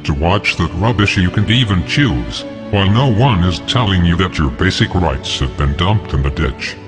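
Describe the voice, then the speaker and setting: There's music behind a man who, in a deep voice disguised by pitching it down, defiantly declaims a scripted manifesto.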